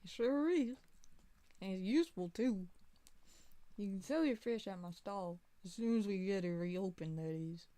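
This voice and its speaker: A woman voicing a good-natured cartoon dog man, reading his lines loudly and cheerfully in a put-on Southern accent. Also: mid-range voice, moderate pace, natural voice.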